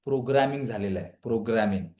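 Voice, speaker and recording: A trainer runs a live online women's empowerment session, speaking quickly in a lowish voice that echoes around the room. His talk is energetic and motivational, full of questions for his listeners, and he often urges them to answer in the live chat.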